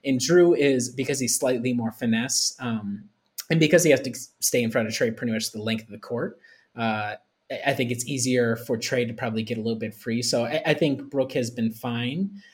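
A man's voice: mid-range voice, moderate pace. A man chatting casually about sport as a podcast panelist, slangy and opinionated.

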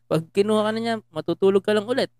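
A man's voice: sits high, fast, a little mellow, clean tone, no room sound, studio quality. A young man co-hosting a casual podcast, teasing his friend and laughing often. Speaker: podcast co-host. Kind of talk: casual Tagalog podcast chat.

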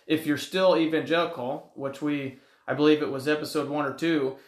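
A man's voice: fairly high pitch, steady tone, fairly quick, reverberant. A man co-hosting a podcast, pushing back with pointed, puzzled questions. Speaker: podcast co-host. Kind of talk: casual podcast discussion.

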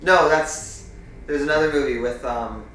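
A man's voice: on the high side, a little slow, fairly bright tone, recorded from a distance, a little hiss or hum. A man co-hosting a casual podcast in a laid-back, wry way, laughing often. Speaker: podcast co-host. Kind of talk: casual chat. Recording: echoey room.

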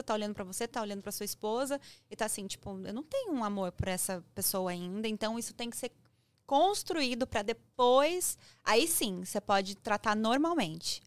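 Speaking with a Brazilian Portuguese accent, a woman guesting on a parenting podcast makes her points emphatically and animatedly, voicing dialogue aloud. The studio podcast mic picks up her clear, resonant, medium-pitched voice with no echo.

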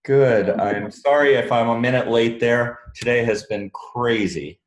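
A man's voice: mid-range voice, a little slow, reverberant. Chatty man on a video call. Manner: relaxed, chatty, laughs easily, many fillers. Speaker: author interviewed by a book club. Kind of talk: casual video call interview.

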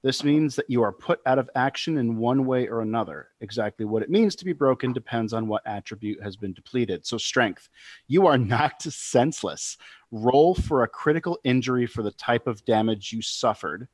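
Mid-pitched man at a tabletop game. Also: expressive, normal speed, a little mellow, no echo. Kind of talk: casual talk and rules read-out.

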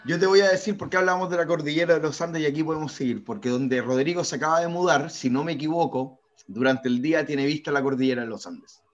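A man's voice: fairly high pitch, fast talker, hardly any pauses. Joking Chilean man with a lo-fi sound. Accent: Chilean Spanish. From born in Brazil, raised in Chile. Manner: swearing, joking, argumentative. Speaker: podcast co-host. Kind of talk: casual banter. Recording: dull lo-fi sound.

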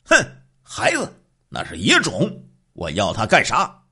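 Man playing a gruff scolding husband, cruel and scheming, husky voice. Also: on the low side, huge pitch swings, a little slow, bright, forceful tone, heavily acted. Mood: menacing.

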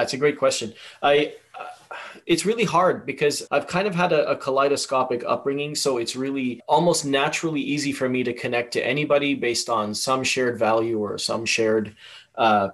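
A man from Tanzania, a guest on a podcast, talks about himself in an earnest, thoughtful way with some halting restarts. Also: mid-range voice, a bit bright. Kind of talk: reflective conversation.

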